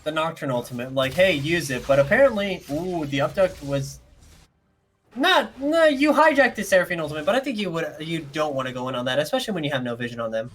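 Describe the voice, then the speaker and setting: High, lively male esports caster. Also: fast. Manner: excitable, jokey, rambling asides. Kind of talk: live play-by-play commentary.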